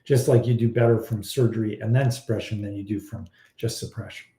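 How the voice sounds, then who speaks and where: A man answers fertility questions on a casual live stream, blunt and animated, sometimes openly exasperated. His voice sounds mellow and a little dark. The room gives it a noticeable echo. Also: fairly low pitch, a little fast. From Iran.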